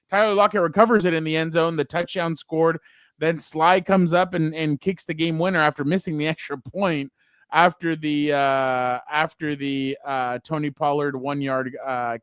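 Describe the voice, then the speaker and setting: A man's voice: on the high side, a bit bright, clear, resonant tone, dry recording, clean studio sound. A man co-hosting a casual sports podcast, rambling and correcting himself as he recaps a game. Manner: rambling, self-correcting, quick laughs. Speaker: podcast co-host.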